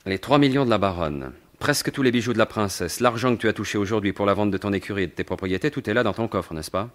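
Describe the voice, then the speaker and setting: In a 1950s-style French radio mystery, an actor plays a smooth, taunting gentleman thief with sardonic, confident theatricality. His lowish voice moves at a quick pace and is lightly acted, sounding commanding and menacing.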